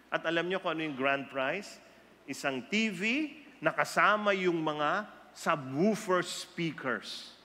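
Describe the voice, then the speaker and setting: A man preaches in a big hall, his bright, fairly high voice ringing with long reverb. He tells stories animatedly, mixing Tagalog and English. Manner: animated storyteller, jumps high for quoted voices. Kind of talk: sermon mixing Tagalog and English, with acted quotes.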